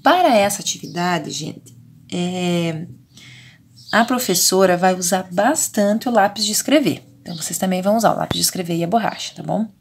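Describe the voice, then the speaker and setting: A woman's voice: lowish voice, moderate pace, vocal fry, slight background noise. A Brazilian woman teaching a remote lesson to young children, patiently stretching out syllables and vowels and checking in with short fillers. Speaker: preschool teacher.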